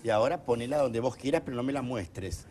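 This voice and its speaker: A man's voice: medium pitch, fast, a loud crowd. A man doing a card trick on a talk show, giving playful instructions.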